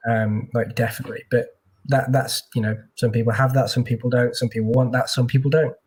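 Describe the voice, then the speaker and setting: A man's voice: medium pitch, flat delivery, brisk, darkish tone, breathy edge. A man working as a tech recruiter, chatting casually in an interview with lots of fillers and restarts, heard over a video call.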